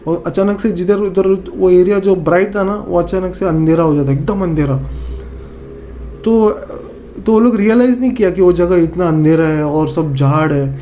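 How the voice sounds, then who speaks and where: Guy w northeast indian accent telling a scary story, kinda high voice, mellow tone, faint hiss behind. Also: normal speed. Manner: animated, acts out friends' lines, many fillers and repeats. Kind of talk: casual spoken horror storytelling.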